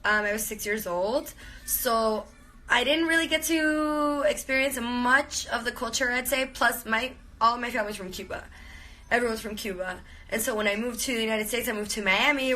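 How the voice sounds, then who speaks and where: A young Venezuelan woman with a Cuban Spanish accent, an actress answering fan questions, chats casually and hops between Spanish and English. Her voice sits a little high and sounds pushed and bright. She laughs often, uses fillers, and restarts her sentences.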